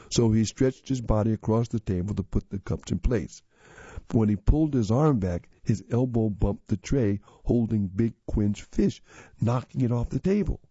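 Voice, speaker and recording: A man reading magazine stories and articles aloud in a steady, measured way. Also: fairly low pitch, husky, no echo. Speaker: magazine reader. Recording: dull lo-fi recording.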